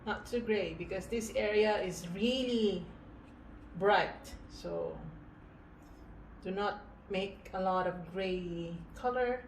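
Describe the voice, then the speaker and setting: A woman talks through a painting tutorial in a slow, unhurried way, thinking aloud in short, halting bits as she works. Her voice sits at an ordinary pitch and echoes around a bare room with faint ambient noise behind it. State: breathing heavily.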